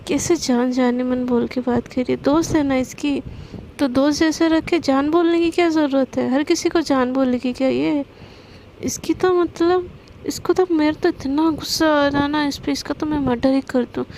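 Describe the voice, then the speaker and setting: A woman's voice: high voice, steady tone, moderate pace, a little mellow, a little hiss or hum. A woman voicing a jealous young woman who talks in a huffy, snappish way. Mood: fuming.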